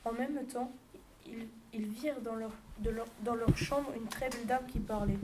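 Woman narrator, storybook reading, steady with small stumbles, fairly high voice, hissy recording with clicks. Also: moderate pace. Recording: noisy home recording with clicks.

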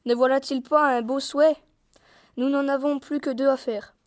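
Husband part in a read-aloud tale, sensible but quick to anger, played by a woman with a high, dry voice. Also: fairly even intonation, no echo, lightly acted. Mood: angry. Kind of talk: storybook reading in parts.

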